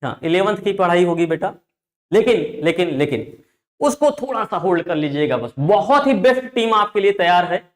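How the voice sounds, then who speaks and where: Emphatic high-voiced man teaching in an echoey room. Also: very animated, moderate pace. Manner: emphatic, repeats phrases, often calls listeners "dear children". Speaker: online tutor. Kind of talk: live online class.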